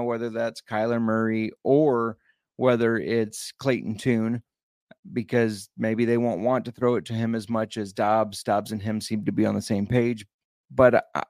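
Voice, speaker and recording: A man's voice: medium pitch, darkish tone, no echo, clean studio sound. A man co-hosting a casual fantasy football podcast, easygoing and often correcting himself as he reads listener questions. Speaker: podcast co-host.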